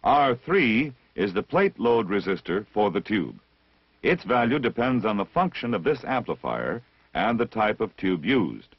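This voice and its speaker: As narrator of a vintage military training film, a man reads scripted technical instructions in a measured, deliberate, didactic way with careful enunciation. His voice is fairly low, very animated and breathy-edged, with no echo, heard on a dull old film soundtrack.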